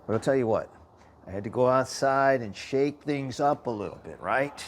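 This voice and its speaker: A man's voice: mid-range voice, moderate pace, slight background noise. A man who calls himself a priest talks casually and boastfully to the camera about spirits, sometimes dropping to a whisper. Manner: boastful, animated, dips to a whisper. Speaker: self-described priest and paranormal investigator.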